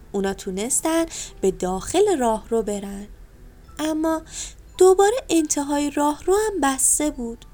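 A woman narrating a children's bedtime story, speaking gently and addressing the children directly. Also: high-pitched.

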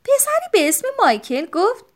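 A woman narrating a children's storybook with expressive, animated storytelling. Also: very high voice. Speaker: audiobook narrator.

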